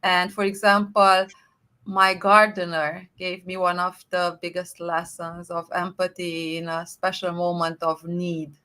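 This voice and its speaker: Romanian-accented woman guest, bright tone, eager and rambling on a video call. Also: fairly low pitch, little pitch movement, a little slow. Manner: enthusiastic, rambling with frequent fillers. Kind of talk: conversational interview.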